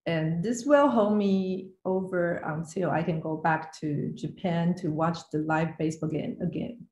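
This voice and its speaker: Her pace measured and her pitch fairly low, this Taiwanese woman speaks with a darkish tone, and a little hiss or hum sits under the sound. She is a finance executive giving a prepared online presentation as a guest speaker, from an indoor room on a video call. The audio is echoey and roomy.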